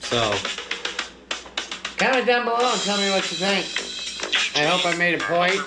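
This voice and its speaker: A man's voice: sits high, animated, unhurried, over loud music. A man hosting a card collecting vlog, talking in an earnest, reflective way. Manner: earnest, reflective, nostalgic musing. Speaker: sports card collecting channel host. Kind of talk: casual vlog monologue. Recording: echoey room.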